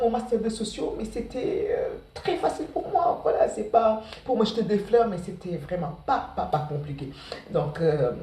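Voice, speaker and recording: A woman in her forties speaks with a Senegalese accent. She rattles along quickly, repeating words as her pitch swings up and down, in a mellow, warm tone. The sound is roomy, as if she sits away from the mic. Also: far from the mic. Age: 40s. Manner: talks very fast, repeats words, many "voilà" fillers. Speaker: care assistant sharing her study path. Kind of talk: casual spoken testimony to students.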